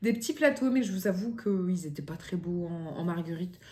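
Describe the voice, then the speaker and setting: A woman's voice: on the low side, animated, fairly quick, dark tone. A young woman with a Belgian French accent, chatting casually through a shopping haul at home, hesitant and full of fillers. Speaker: vlogger. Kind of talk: casual grocery haul chat. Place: home, near the kitchen.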